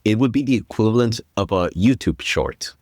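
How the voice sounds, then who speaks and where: A man from Guatemala, a guest telling about his upbringing in a relaxed, rambling way with plenty of fillers. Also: on the low side, normal speed, dry recording, studio quality. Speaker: guest storyteller. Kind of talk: casual interview chat.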